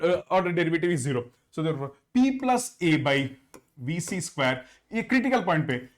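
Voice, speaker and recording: A man with an Indian accent teaching an engineering class, switching between Hindi and English and repeating phrases to reassure his students. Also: high voice. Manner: repetitive, reassuring, calls students "sirs". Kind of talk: lecture mixing Hindi and English.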